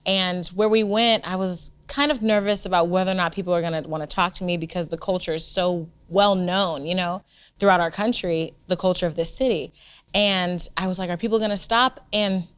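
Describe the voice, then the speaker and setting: A woman co-host chatting casually and excitedly. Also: lowish voice, brisk, clean tone. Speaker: co-host and street interviewer. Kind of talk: excited casual chat and presenting.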